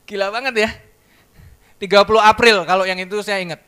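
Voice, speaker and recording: A man giving a sermon testimony in church, telling his story in a lively way and acting out the dialogue. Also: high voice, clear, resonant tone. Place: church service.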